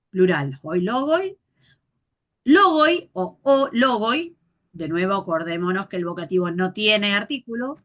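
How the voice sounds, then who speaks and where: A woman teacher gives a grammar lecture, patiently repeating forms slowly and spelling out endings. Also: medium pitch, pushed and bright.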